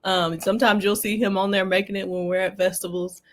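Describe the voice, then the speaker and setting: A woman's voice: medium pitch, little pitch movement, fast. A woman from Kentucky who runs a food truck, chatting casually and laughing easily. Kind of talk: casual chat.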